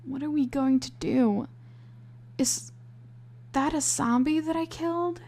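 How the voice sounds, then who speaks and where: A woman reading aloud, voicing a frightened, squeamish young woman in urgent, near-shouting bursts. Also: sits high, unhurried, pitched above the performer's own voice.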